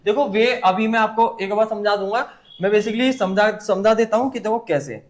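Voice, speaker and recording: A man's voice: high-pitched, normal speed. A young man teaching a writing lesson at a board, patiently asking and answering his own questions. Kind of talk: whiteboard lesson.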